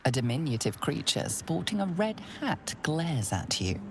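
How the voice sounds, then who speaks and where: A woman narrating a video game in a slow, dramatic storytelling way. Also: sits low, very animated, noisy background. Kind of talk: scripted narration. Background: game music.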